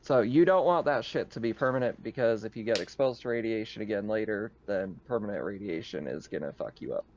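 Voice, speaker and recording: A man serving as game master for a tabletop roleplaying game casually explains the rules on an online voice call. His fairly low voice is expressive and a little fast, with hardly any pauses, and the voice-chat audio sounds slightly noisy and dull.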